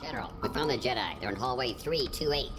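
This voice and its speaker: A man voicing a dim-witted male robot soldier in a high, nasal, wacky robotic voice over film music. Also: animated, fast talker, lightly acted. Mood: dutiful. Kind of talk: animated film voice acting. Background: film score music.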